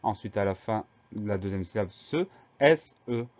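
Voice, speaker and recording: Man slowly spelling words for pupils. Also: on the low side, animated, darkish tone. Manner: slow, careful spelling out of letters. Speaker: teacher. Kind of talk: spelling lesson for children. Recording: slightly dull lo-fi sound.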